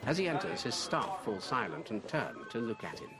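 A man reading scripted audio description for a film in a measured, descriptive way. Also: medium pitch, big pitch swings, over loud music.

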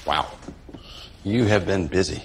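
A gentle, caring man in a TV drama, worried for his friend. His voice is deep, and he speaks with soft, natural concern. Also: unhurried, a little hiss or hum. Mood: light, apologetic.

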